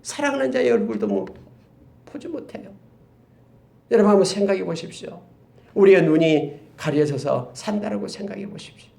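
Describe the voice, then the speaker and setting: A male pastor preaching a sermon, moving between loud, stirring exclamations and hushed, whispered asides. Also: high-pitched, sing-song, moderate pace, vocal fry. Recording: roomy echo.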